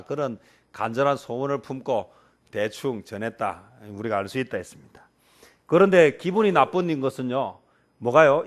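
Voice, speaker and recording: A man preaching a sermon as pastor, asking the congregation rhetorical questions and acting out the prayers he quotes. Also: medium pitch.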